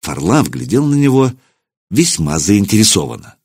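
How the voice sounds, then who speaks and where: A man narrating an audiobook in a steady, expressive storytelling manner. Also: lowish voice, moderate pace, husky, dry recording, clean studio sound.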